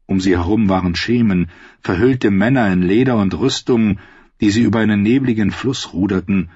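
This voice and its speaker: A man reading a fantasy novel aloud in scripted narration, with a husky voice. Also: fairly low pitch, moderate pace, a little mellow, no room sound. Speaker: audiobook reader. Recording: slightly dull, dry audiobook recording.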